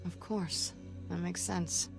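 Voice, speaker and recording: An actress playing a hardened, grim operative with a sore throat, speaking tersely in video game dialogue. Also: female voice, lowish voice, steady tone, slow pace, creaky, over music. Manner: terse, clipped, matter-of-fact.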